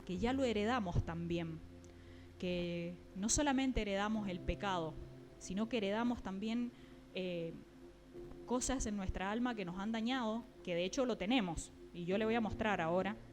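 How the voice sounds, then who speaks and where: A woman preaching a sermon, often pausing with fillers and checking in with her listeners. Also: mid-range voice, faint music behind. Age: adult, mother.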